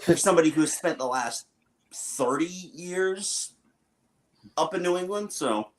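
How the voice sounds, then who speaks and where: Rambling male podcast host, lively pitch. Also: a little slow. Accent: Southern American inflection. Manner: rambling, self-deprecating, chuckles between points. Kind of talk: casual podcast chat.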